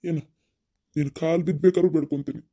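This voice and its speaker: A man's voice: a little high, fairly even intonation, quick pace, dark tone, close to an everyday voice. A man voicing a stern, reproachful older village father in a cartoon story, with a North Karnataka accent. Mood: pleading. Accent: North Karnataka Kannada. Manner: reproachful, scolding.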